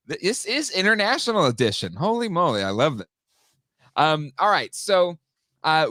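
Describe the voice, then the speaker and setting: Co-hosting a live toy show stream, an upbeat man rambles chattily with plenty of fillers and restarts. His medium-pitched, fairly bright voice is slightly nasal from a cold, recorded dry in a close room.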